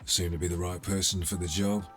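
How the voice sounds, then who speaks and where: A man with a low, flat, brisk voice close to an everyday one plays a cocky, sardonic criminal middleman in a cyberpunk ASMR roleplay. He's casual, streetwise and businesslike, teasing as he talks, with faint music in the background.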